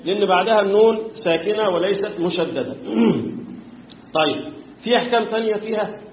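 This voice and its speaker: A man with an Egyptian accent teaching a tajweed lesson, quizzing his students and answering his own questions, chanting verses now and then and often clearing his throat. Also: high-pitched, brisk, slight background noise. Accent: Egyptian Arabic. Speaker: Quran recitation teacher. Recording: echoey room, tinny phone-like sound.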